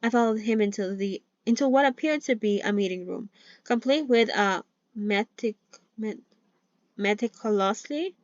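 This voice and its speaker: A woman who isn't a native English speaker hosts a chatty novel read-along on her channel, reading the book aloud. Her medium-pitched voice runs at normal speed, and she trips over words and restarts. It's captured on a dull lo-fi mic with no room sound.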